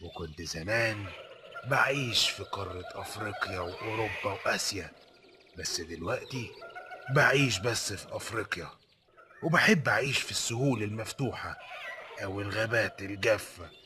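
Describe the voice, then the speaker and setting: A man's voice: fairly low pitch, fairly quick, background noise, close to an everyday voice. A man with an Egyptian accent voicing a proud, friendly male lion who explains facts to children in an educational cartoon. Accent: Egyptian Arabic. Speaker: narrating animal character for children.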